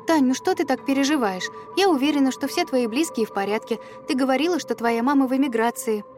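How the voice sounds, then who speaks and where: A woman's voice: high-pitched, sing-song, fast talker, warm tone, soft background music, voice pushed up. A woman voicing a caring young female friend who soothes and reassures, in a memoir reading. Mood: reassuring.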